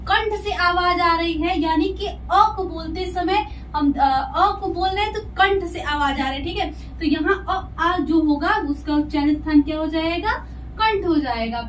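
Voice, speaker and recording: Very high-voiced woman teacher in an echoey room. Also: unhurried, a bit bright. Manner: explains patiently, asks rhetorical questions and answers them. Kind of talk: classroom lesson explaining step by step. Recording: echoey room, voice from a distance, faint noise.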